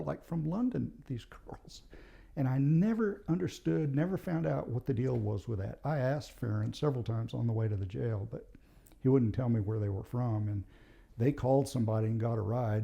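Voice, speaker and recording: A man recalling his years on the force, in a casual, anecdotal storytelling style. His voice sits at an ordinary pitch but is dark and mellow, with a gravelly edge. He tells it plainly and matter-of-factly. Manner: plain-spoken, matter-of-fact. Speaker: former police officer telling stories.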